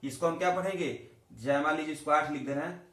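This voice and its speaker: A man's voice: on the high side, fast, a bit bright. A man from India teaching a math lesson, asking questions and answering them himself, talking straight to his students. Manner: addresses students directly, repeats key terms. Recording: echoey room.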